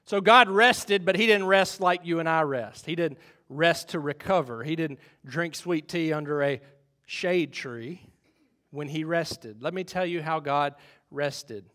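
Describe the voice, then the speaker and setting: A middle-aged man preaching a sermon, swinging between loud emphasis and hushed asides. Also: a little high, unhurried. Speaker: pastor.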